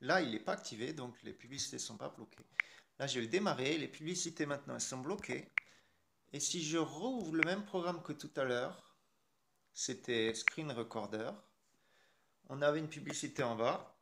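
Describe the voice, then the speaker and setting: A man's voice: on the high side, normal speed, vocal fry, background noise. A man with a French accent hosting a casual phone tutorial, chatty and irreverent, with mild swearing. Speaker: tech tutorial host. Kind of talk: casual screen-recorded tutorial.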